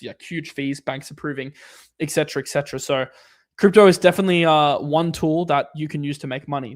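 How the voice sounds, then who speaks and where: Male livestream host, higher-pitched voice, casual Q&A delivery, rambles and restarts often, filler-heavy. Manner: loose, rambling, lots of "like" and restarts. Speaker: livestream host answering viewer questions.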